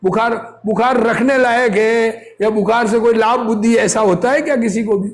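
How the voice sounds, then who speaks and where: This religious teacher has a very high voice and keeps to a moderate pace. In a relaxed sermon, he reads a text aloud and unpacks it for his listeners, circling back to key phrases and throwing out rhetorical questions.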